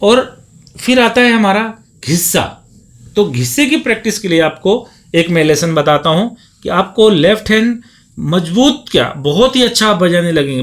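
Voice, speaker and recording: A man with a rather high, slightly bright voice demonstrates a dholak lesson, patiently explaining hand positions. He counts the beats aloud as he plays, with dholak drumming in the background.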